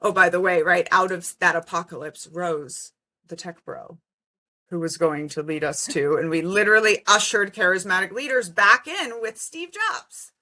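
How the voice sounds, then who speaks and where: A woman guest on a podcast, a former Army intelligence officer, telling stories in an animated, quick way and often cutting herself off to restart a sentence. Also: on the low side. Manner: animated, quick storytelling with self-interruptions. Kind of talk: casual interview talk.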